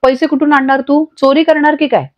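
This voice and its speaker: A woman's voice: high-pitched, little pitch movement, a little fast, pitched above the performer's own voice, close to an everyday voice. A woman voicing a scheming older man who mocks and taunts with boastful scorn. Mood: taunting. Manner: mocking, boastful. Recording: dull lo-fi audio.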